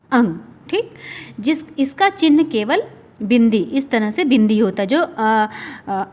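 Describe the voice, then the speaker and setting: A woman teacher giving an online class lesson, explaining slowly and patiently and often checking that the class has followed. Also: sits high. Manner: slow, explaining patiently with repeated "theek hai". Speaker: school teacher. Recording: dull lo-fi sound with faint noise.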